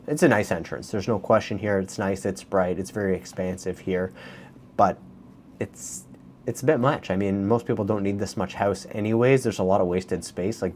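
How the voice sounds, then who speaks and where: A man's voice: deep voice, darkish tone, slight background noise. A man with a Canadian accent giving a casual, chatty walkthrough of property listings, talking straight to his viewers. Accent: Canadian English. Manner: chatty, conversational, addresses viewers directly. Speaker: real estate video host.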